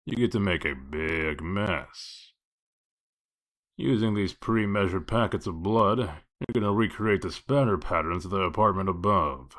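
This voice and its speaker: A man playing a gruff, sardonic, bossy wolf detective in a comic dub, speaking in a curt, commanding way. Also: measured pace, a bit bright. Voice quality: deep voice.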